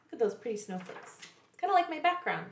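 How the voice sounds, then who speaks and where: A woman's voice: on the high side, very animated, quick pace, echoey room, slight background noise. A woman, a children's librarian, reading picture books aloud to young kids in a playful way, often asking them questions.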